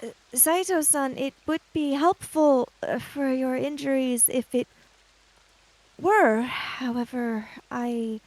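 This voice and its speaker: This high-voiced woman, a player on a tabletop roleplaying podcast, talks slowly and a little mellowly, narrating hesitantly what her character does. The recording is dry and rough.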